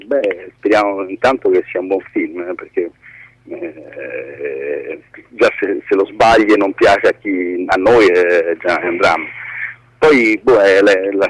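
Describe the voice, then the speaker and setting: A low-voiced man with a Roman Italian accent gives a casual, unscripted interview as a screenwriter, rambling and correcting himself in colloquial speech. The recording is rough, with no room sound.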